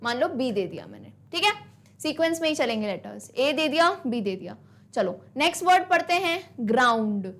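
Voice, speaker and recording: A young woman with a high voice and big pitch swings runs an online exam-prep lesson, brisk and encouraging, calling her students "beta." She switches between Hindi and English and slows right down when reading English lines aloud.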